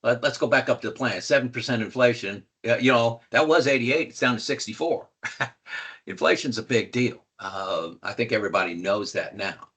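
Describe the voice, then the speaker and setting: An older man with a bright voice and a mid-range pitch talks through a screen-share tutorial. He is folksy and emphatic, and he drives key points home by repeating them. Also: normal speed, husky. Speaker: retirement planning video host.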